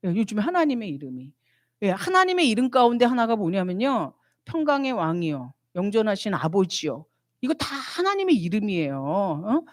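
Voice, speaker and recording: A woman's voice: mid-range voice, big pitch swings, normal speed, no room sound, clean studio sound. A woman missionary giving a church retreat lecture, teaching animatedly and asking the audience questions that she answers herself.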